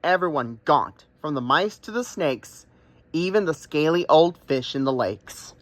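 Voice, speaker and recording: Guy reading a rhymy kids book, lively bouncy pitch, bright, dry close sound. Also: a little slow, no room sound. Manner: sing-song, playful. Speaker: storyteller. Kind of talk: rhyming picture-book read-aloud.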